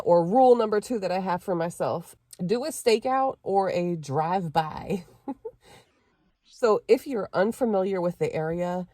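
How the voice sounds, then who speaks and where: A young woman vlogging casually from inside her parked car, chatty and quick to laugh as she talks through what she is doing. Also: medium pitch, dark tone, no room sound, studio quality. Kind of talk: casual vlog chat.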